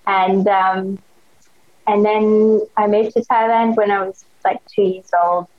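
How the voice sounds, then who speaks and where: With little pitch movement in her mid-range voice, a young Australian woman speaks slowly. She chats eagerly as a podcast guest, casual and slangy with many "like" fillers, over a dull lo-fi recording.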